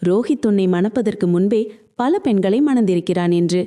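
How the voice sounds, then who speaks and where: A firm, caring middle-aged father in a spoken storybook, as a woman narrator reads him. The voice is dark and mellow, and the reading stays even. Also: mid-range voice, normal speed, natural voice.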